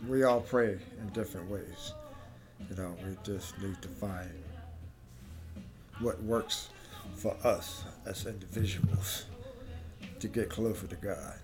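A man's voice: fairly low pitch, slow pace, long pauses, music in the background. A man hosting a podcast with a casual spiritual monologue, reflective and speaking directly to listeners. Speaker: podcast host.

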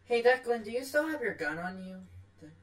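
A woman's voice: a little high, big pitch swings, fairly quick. A woman talking casually as a player during a tabletop role-playing game.

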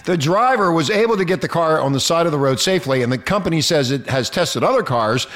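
A man's voice: a little high, animated, fast, fairly bright tone. A man hosting a talk radio show with crude, irreverent, profane banter and mock-announcer addresses to his listeners.

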